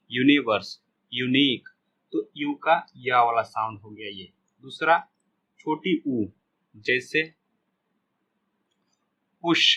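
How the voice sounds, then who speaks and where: A man gives a beginners' English lesson at a slow, careful pace, saying every example word several times over. His tone is bright and forceful, and a faint hiss sits under the recording. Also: medium pitch, dull audio. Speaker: English teacher.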